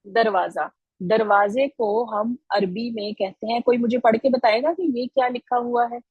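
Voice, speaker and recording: A woman's voice: fairly high pitch, fairly even intonation, moderate pace, husky, no room sound, narrow, tinny audio. A woman teaching children in an online class, patient and encouraging, repeating each answer back to them.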